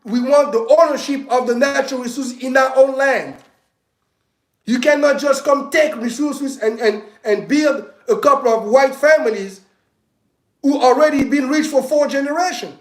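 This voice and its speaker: A man's voice: extremely high pitch, normal speed. Emphatic, heated man in an echoey room. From Africa. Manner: heated, emphatic, repetitive restarts. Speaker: self-styled state governor giving political commentary. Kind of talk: livestream political monologue.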